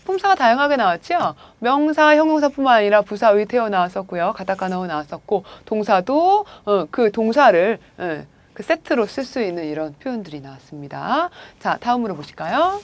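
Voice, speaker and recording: A woman's voice: medium pitch, big pitch swings, moderate pace, hardly any pauses. A woman teaching a recorded video lecture on vocabulary, guiding students with frequent prompts and rhetorical questions. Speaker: Japanese language teacher.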